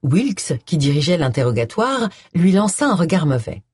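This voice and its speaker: Brief: audiobook narrator, animated intonation, husky tone, dry close mic. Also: medium pitch, moderate pace, no room sound. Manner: expressive storytelling. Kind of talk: scripted narration.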